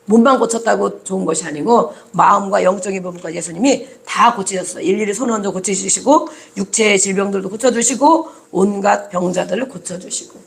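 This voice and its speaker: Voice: mid-range voice, gravelly. A preacher giving an emphatic sermon, sometimes acting out the voices of the crowd.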